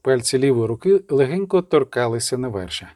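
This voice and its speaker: A man narrating a story in a steady, measured way. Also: medium pitch, no echo, clean studio sound. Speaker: audiobook narrator. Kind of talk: scripted narration.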